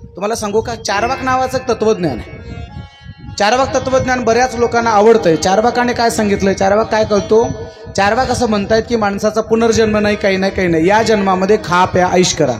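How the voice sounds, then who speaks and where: A man's voice: high-pitched, steady tone, brisk. A man preaching a devotional sermon, telling the story in rhythmic lists and coaxing the crowd with questions. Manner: folksy, coaxing the audience to answer. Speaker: kirtan preacher. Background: music.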